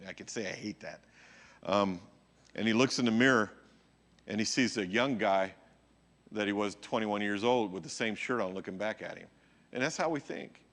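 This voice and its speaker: A man's voice: lowish voice, fairly bright tone. A male pastor preaching a sermon in a conversational way, often checking in with his listeners. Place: church.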